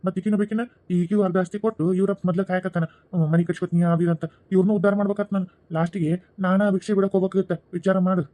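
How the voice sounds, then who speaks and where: A man's voice: high voice, level tone, very fast, few pauses, mellow, no room sound, lightly acted. A man voicing a helpless, pleading young husband in a cartoon, with a North Karnataka Kannada accent. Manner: pleading, whining.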